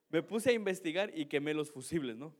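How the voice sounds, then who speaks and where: A man's voice: on the high side, lively intonation, normal speed. A male pastor telling a funny story about himself in a sermon, chatty and self-mocking, who keeps asking "¿no?". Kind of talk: sermon with a humorous personal story.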